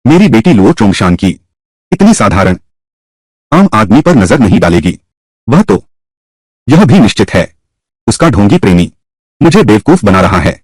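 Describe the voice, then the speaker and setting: A man's voice: on the low side, sing-song, moderate pace, long pauses, a little mellow, breathy edge, no echo. A man voicing a stubborn, scornful rich father in a Hindi drama dub, with a dismissive and emphatic manner.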